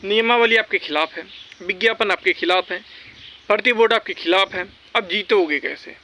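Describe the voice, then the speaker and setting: A high-sitting, sharp-toned male voice at a moderate pace, with a little hiss or hum behind it. He's a vlogger giving recruitment exam updates, talking informally and opinionatedly straight to viewers, urging them on and repeating points for emphasis.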